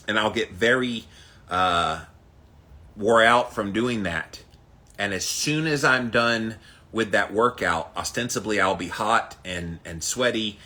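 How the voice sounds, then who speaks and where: A man's voice: fairly low pitch, pushed and bright. A man hosting a casual livestream, chatting to viewers with an emphatic, punchy delivery. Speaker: host of a daily ice bath challenge livestream. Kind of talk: casual livestream chat, greeting viewers by name.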